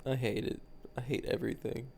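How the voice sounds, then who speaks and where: Man, stuffy nose, solo podcast host, rambling casual chat, laid-back, swears a lot, mid-pitched voice. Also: flat delivery, a little fast, vocal fry, darkish tone.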